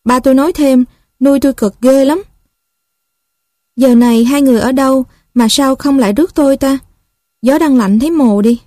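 A woman with a Southern Vietnamese accent narrating a story in a gentle, even way. Her voice sits a bit high, with a mellow, warm tone, and the recording is close and dry. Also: moderate pace, pauses often, no echo. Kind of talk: reading a story aloud.

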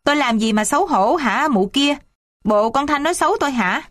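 A woman voicing a bad-tempered middle-aged father who shouts and scolds his family. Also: very high-pitched, expressive, a little fast, no echo, studio quality, pitched above the performer's own voice. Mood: grumbling.

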